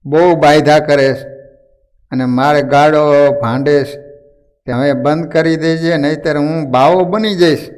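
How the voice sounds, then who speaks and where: A man's voice: on the high side, steady tone, measured pace, a little mellow, clean tone, close to an everyday voice. A man voicing a fed-up village potter who grumbles at his wife and mutters to himself. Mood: grumbling.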